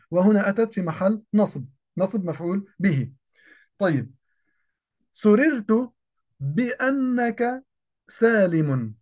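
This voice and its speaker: High-voiced man teaching grammar, repeating slowly. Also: darkish tone. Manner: repeats key phrases slowly and asks the class questions; dialect words mixed into formal Arabic. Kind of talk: recorded grammar lesson.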